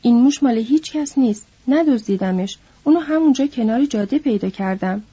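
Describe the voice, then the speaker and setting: A woman voicing a big, simple-minded, childlike farmhand man who talks in a slow, pleading way. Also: a little high, lively intonation, dark tone, husky. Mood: guilty. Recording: dull lo-fi recording.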